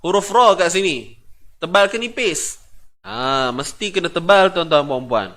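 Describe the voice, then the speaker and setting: Man, Malaysian Malay accent, Quran recitation teacher, slightly high voice, patient, repeats syllables, chants verses. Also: expressive, measured pace, sharp tone. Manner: patient, repeats syllables, asks the class questions. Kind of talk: tajwid lesson with chanted recitation.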